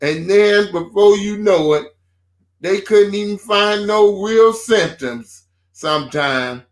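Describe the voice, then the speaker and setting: A man with a high voice talks about faith in a relaxed, preaching way. He speaks slowly and circles back to his points with phrases like "see" and "so remember." He sounds like a co-host on a homespun talk show. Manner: informal, builds points slowly with repeated phrases.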